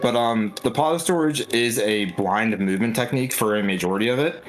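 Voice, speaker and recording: Low-voiced man, dry and technical. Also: brisk, faint music behind. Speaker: speedrunner. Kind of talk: casual explanatory commentary.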